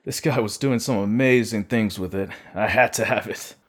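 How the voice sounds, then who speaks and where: A man's voice: fairly low pitch, moderate pace, slightly rough. A man voicing a drowsy, dazed young stoner artist in an audiobook. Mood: spacey. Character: stoned young male artist, slow and spacey. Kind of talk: audiobook character voice.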